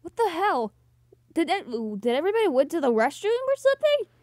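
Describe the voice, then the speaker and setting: A woman playing a dating game, reading it aloud with excitable, giggly, gushing reactions. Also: very high-pitched, fairly quick, no room sound, clean studio sound. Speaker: let's play host.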